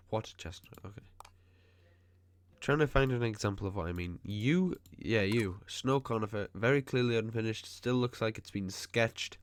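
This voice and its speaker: A gaming video host with a cold chats casually while commenting on the game he's playing, his voice blocked and nasal from a stuffy nose. Fairly low in pitch with a little hiss or hum, he nitpicks chattily and tosses off quick asides.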